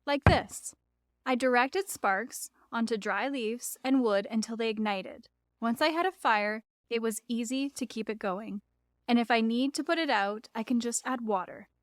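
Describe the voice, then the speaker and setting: A reader voicing Roz, a polite female robot who speaks in plain, literal, evenly measured sentences for an audiobook. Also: on the high side, dry recording, clean studio sound, natural voice. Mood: calm literal. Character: calm polite female robot, learning to be friendly. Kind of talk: audiobook character voice.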